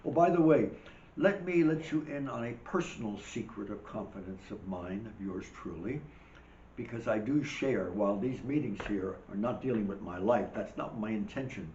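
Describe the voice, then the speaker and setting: An older man hosts a monologue show, rambling through commentary with emphatic, wry asides while his voice gives out. His voice is lowish and a little mellow, at a moderate pace, and the recording sounds dull and echoey, with slight background noise.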